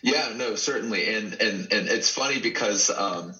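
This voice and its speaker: Upbeat, bright-voiced wrestler from Texas. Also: male voice, lowish voice, moderate pace, highs cut off. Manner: animated storyteller, laughs often, many restarts. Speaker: pro wrestler guest. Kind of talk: casual interview chat.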